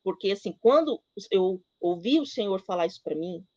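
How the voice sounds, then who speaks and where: A middle-aged woman tells a personal story of faith at church, her speech full of emotion and broken up by fillers and restarts. Her voice sits at an ordinary pitch for a woman. The sound is dry and somewhat dull. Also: lively intonation, moderate pace, a little mellow, no room sound. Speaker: church speaker giving testimony. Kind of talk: personal testimony in a church talk.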